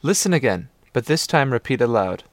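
A man narrates a scripted language lesson in a patient, steady way, prompting the listener to listen and repeat. His voice sits in a middle pitch. The sound is dry and close. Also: fairly quick, no echo.

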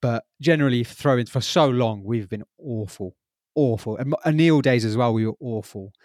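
A man's voice: medium pitch, moderate pace, a little mellow, no echo, studio quality. A man hosting a casual podcast chat, jokey and laughing often as he runs the segment. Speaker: podcast host.

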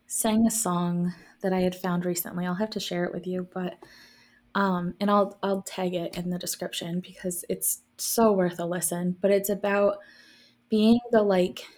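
A woman's voice: fairly low pitch, steady tone, unhurried, darkish tone. A woman co-hosting a podcast, talking candidly in casual chat, laughing often and trailing off mid-sentence. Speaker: podcast co-host.

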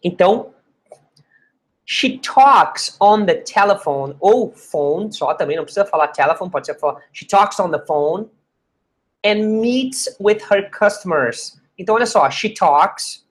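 A Brazilian English teacher, a native Portuguese speaker, giving a bilingual lesson who repeats English words slowly to show pronunciation. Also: mid-range voice.

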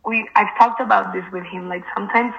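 A woman's voice: medium pitch, fairly even intonation, a little fast, vocal fry, highs cut off. A young woman whose first language is Spanish, speaking as a guest in a casual conversation, hesitant and earnest, filling her sentences with "like". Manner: hesitant, fills with "like" constantly, earnest.

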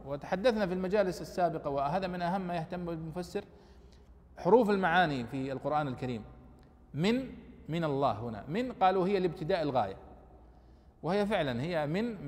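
A man's voice: a little high, darkish tone, in a large hall. A man teaching a lesson on Quran commentary, explaining the text and raising his voice with emphasis on quoted verses.

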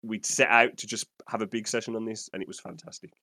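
A man's voice: on the low side, fairly even intonation, quick pace, bright, forceful tone, no room sound. A man co-hosting a gaming podcast, telling a story in a rambling, enthusiastic way. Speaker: podcast co-host. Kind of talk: casual storytelling chat.

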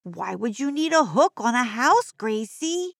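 An excitable young girl played by a woman tells a children's story in broad, singsong kids' theatre style. The voice is pitched up high and exclamatory, recorded dry with no room sound. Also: measured pace, creaky, dry recording, full character voice. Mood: excited. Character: Jazzy, excitable young girl tourist who loves cats. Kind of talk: children's educational audio story.

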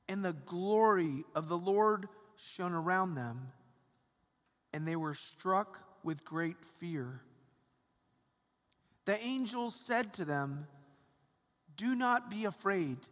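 A priest from Atlanta, Georgia, reading the Gospel slowly and deliberately at Mass, his voice ringing with a cathedral echo in a large church. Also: high voice, a bit bright. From Atlanta, Georgia, USA. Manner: slow, deliberate proclaiming. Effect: cathedral echo, long reverb. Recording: echoey church hall reverb.

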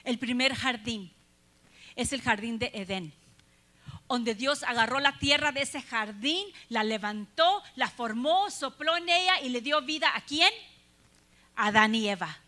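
A woman's voice: fairly high pitch, animated, a little slow, bright, forceful tone. A woman preaching a sermon, earnest, asking her listeners rhetorical questions.

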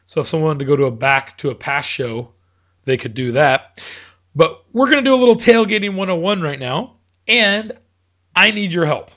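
A man with a slightly high voice hosts a loose, rambling sports chat, often stopping to correct himself. He has the hiccups. The sound is dull and lo-fi. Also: sing-song, moderate pace, a bit bright. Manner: rambling, self-correcting, chatty. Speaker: podcast host.

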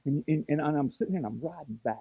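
A man's voice: fairly high pitch, fast, gravelly, husky, no echo, narrow, tinny audio. A man, preaching a storytelling sermon that builds to impassioned. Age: 40s. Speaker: pastor.

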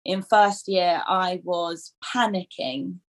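A woman in her twenties from England, a dental student, talking casually in an interview, full of fillers and quick to laugh at herself. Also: on the low side, creaky. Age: 20s. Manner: chatty, filler-heavy, self-deprecating and laughing often.

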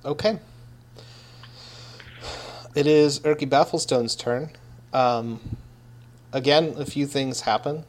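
A man running a tabletop game as game master, narrating in a relaxed way with many fillers. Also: medium pitch, slow pace, pauses often.

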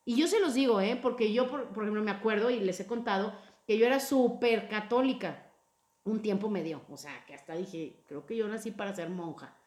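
A woman hosting a casual podcast chat about emotions, talking in an expressive, playful way. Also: medium pitch, fairly quick, roomy sound. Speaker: podcast host.

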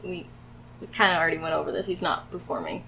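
A woman's voice: low-pitched, fairly even intonation, fast talker, sharp tone, slight background noise, low-quality recording. A woman playing in a tabletop game, giving dry, understated replies. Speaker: player. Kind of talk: tabletop role-play chat.

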